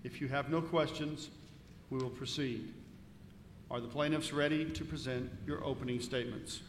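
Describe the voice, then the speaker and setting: A man's voice: medium pitch, fairly even intonation, moderate pace. A man speaking as presiding judge, giving formal scripted instructions to a jury. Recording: echoey reverberant hall with faint noise.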